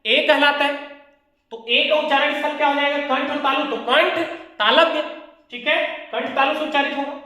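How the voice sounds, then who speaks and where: Bright-voiced male teacher in an echoey room. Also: extremely high pitch, fairly even intonation, normal speed. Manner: asks questions and answers them himself, repeats key points. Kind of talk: classroom grammar lesson.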